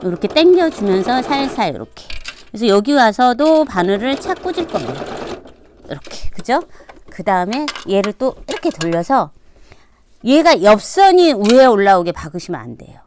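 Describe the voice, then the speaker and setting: A middle-aged woman teaching a sewing class, talking casually as she demonstrates each step and dropping to a quiet murmur while she stitches. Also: medium pitch, big pitch swings, moderate pace, a little hiss or hum. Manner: demonstrative, repeats "like this" while working. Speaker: sewing instructor. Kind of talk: casual hands-on sewing tutorial. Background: sewing machine running.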